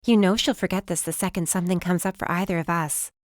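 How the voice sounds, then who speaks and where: A woman voicing a teasing, bossy adult sister with a brisk, needling manner in an audiobook. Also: lowish voice, fairly even intonation, no room sound, studio quality, lightly acted.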